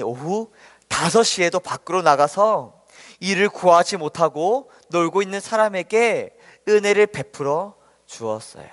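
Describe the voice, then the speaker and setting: A man gives a children's sermon, telling a Bible story gently and stopping often to ask the young listeners questions. His voice is fairly high for a man, and a long reverb trails after each phrase in a large hall.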